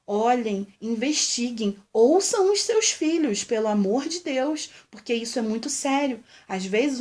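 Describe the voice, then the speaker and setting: A young woman with a Brazilian accent speaks in a slightly high voice. Her talk is heartfelt and direct, addressed to mothers. She circles back and repeats her pleas, earnest and insistent. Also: darkish tone. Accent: Brazilian Portuguese. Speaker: vlogger.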